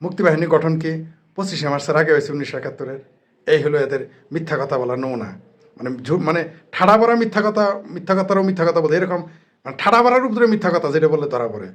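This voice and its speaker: A man's voice: fairly high pitch, expressive, fast talker, a bit bright. A man delivering an angry, sarcastic political monologue full of mockery and jabs. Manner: sarcastic, mocking, combative. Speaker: political commentator.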